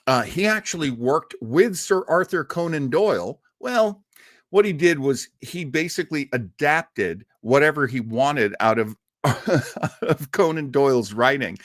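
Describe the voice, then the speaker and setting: A man hosts a livestream, chatting casually with viewers in the live chat and answering their questions, rambling along with laughs and restarts. His voice sits in the mid range, and the recording is clean studio quality with no echo.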